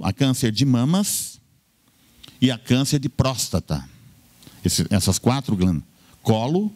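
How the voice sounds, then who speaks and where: A man's voice: mid-range voice, darkish tone. A man, a doctor, giving a health talk in an emphatic way, listing points in short bursts and repeating key words. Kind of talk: lecture-style health talk.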